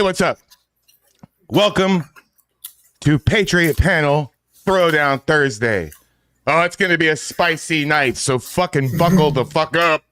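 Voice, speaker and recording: A man's voice: a little high, pushed and bright. A man co-hosting a casual livestream panel, talking in a rambling, upbeat way full of swearing. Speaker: stream co-host.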